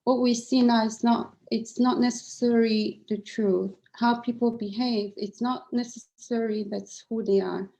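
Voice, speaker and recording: In a low-quality recording, a middle-aged interview guest with a Cantonese accent talks openly and earnestly, often restarting sentences and repeating words. Her slightly high, dark voice carries vocal fry and fairly even intonation, at normal speed with hardly any pauses.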